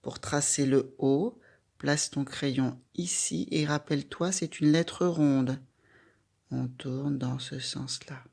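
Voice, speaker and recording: A woman guides a young child through a handwriting lesson one stroke at a time. She speaks at an extremely unhurried pace, leaving plenty of room between simple instructions. Her voice has a noticeable gravelly fry. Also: a bass voice, steady tone, a little mellow. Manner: patient, addresses the child directly with simple instructions. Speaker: handwriting teacher.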